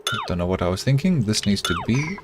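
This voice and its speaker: Heavy background noise sits under a fast, lowish voice belonging to a middle-aged South African streamer. Relaxed and chatty, he plays a colony-building game live, talking with his chat and to himself while building.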